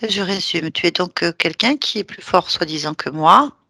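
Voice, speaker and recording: A woman's voice: on the low side, moderate pace, creaky, bright, forceful tone, no echo, studio quality. A woman leading a hypnosis session, giving firm, teasing commands.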